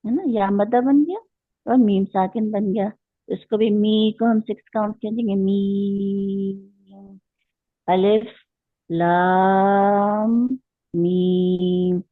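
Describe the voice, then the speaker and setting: A woman's voice: mid-range voice, moderate pace, no room sound. A woman teaching a Quran recitation class, patiently explaining rules step by step and asking her students questions. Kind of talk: online class lecture. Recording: tinny phone-like line.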